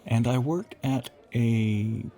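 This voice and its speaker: In an audio roleplay, a man plays a teasing ancient vampire pretending to be a human boyfriend, sounding charming and polite. His mid-range voice is slow, mellow and close to an everyday voice, drawling and frequently drifting toward a whisper.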